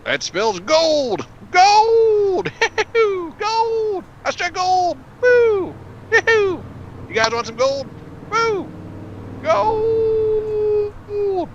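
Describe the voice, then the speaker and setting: A wildly excited old-timey prospector, hollering in a very high, squealing pitch. His shouts leap all over the place, with a faint hiss of noise behind him. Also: extremely slow, dull audio, full character voice. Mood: whooping excitement. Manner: whooping, hollering. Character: excited old-timey male gold miner.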